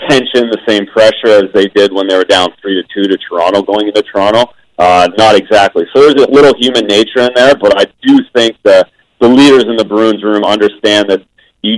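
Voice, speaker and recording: Male phone-in analyst, low-ish voice, dry phone line, measured with ums. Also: no echo. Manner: measured, frequent ums and restarts. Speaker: guest analyst, former goaltender. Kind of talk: phone-in radio interview.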